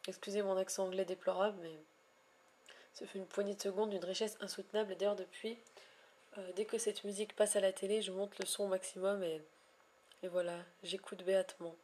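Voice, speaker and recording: A woman vlogging about her shiny hunts in a wordy, elaborate way, pausing often with hesitations and gushing affectionately at times. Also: mid-range voice, level tone, darkish tone. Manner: ornate, wordy phrasing with frequent hesitations. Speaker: Pokémon shiny hunter vlogger. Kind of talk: casual vlog narration.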